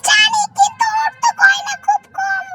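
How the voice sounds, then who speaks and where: A woman voicing a fussy old granny in a shrill, shouting voice during a playful role-play video. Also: little pitch movement, normal speed, dry recording, soft background music.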